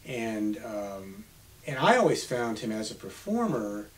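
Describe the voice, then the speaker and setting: Older man reminiscing, slightly low voice. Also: very animated. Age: 70s. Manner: reminiscing, unhurried storytelling. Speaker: author guest. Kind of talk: radio interview. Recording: slightly distant mic with faint hiss.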